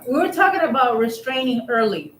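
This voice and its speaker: A woman's voice: a little high, sing-song, brisk, fairly bright tone. Counselor woman in an echoey room. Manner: guiding, asks reflective questions. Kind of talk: group counseling. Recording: echoey room, faint noise.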